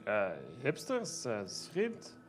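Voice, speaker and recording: A man's voice: mid-range voice, lively intonation, fairly quick, a little hiss or hum, close to an everyday voice. A man voicing a hesitant man who mumbles and grumbles, with many fillers. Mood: grumbling.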